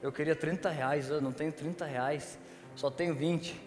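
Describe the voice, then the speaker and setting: A man's voice: fairly high pitch, steady tone, moderate pace, natural voice. A man doing a grumbling teen boy. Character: grumpy teenage boy friend, whiny and laid-back. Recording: echoey church hall, faint music.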